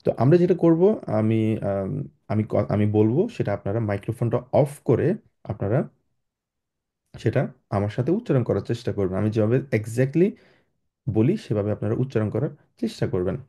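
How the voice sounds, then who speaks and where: A young man whose first language is Bengali, teaching German on a video call. He talks hesitantly with many fillers and restarts, and spells out letters slowly. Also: fairly low pitch, expressive, mellow. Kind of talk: online class lecture. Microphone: computer mic on a video call.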